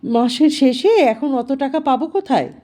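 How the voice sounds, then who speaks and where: A woman's voice: sits high, animated, normal speed, mellow. A woman voicing an irritable, sarcastic housewife who talks curtly and with a raised voice. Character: sharp-tongued middle-aged housewife, irritable and sarcastic.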